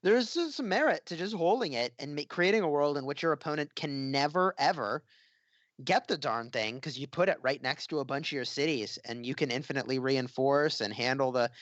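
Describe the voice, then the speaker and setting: A man giving lively color commentary on an esports match, playful and animated. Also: a little fast, no room sound, lo-fi sound. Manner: animated, playful, jumps up in pitch when excited. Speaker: esports co-caster.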